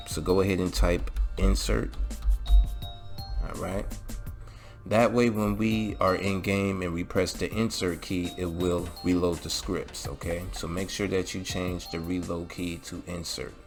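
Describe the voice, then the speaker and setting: In a deep, creaky voice with flat delivery and measured pace, a game-modding channel host explains a tutorial step by step. His tone is informal and instructive, sprinkled with "all right" and "okay," against background music.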